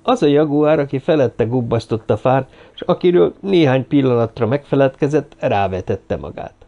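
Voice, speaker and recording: A man reading an adventure novel aloud as narrator, in a steady, measured storytelling manner. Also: mid-range voice, lo-fi sound. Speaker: audiobook narrator. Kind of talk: scripted narration.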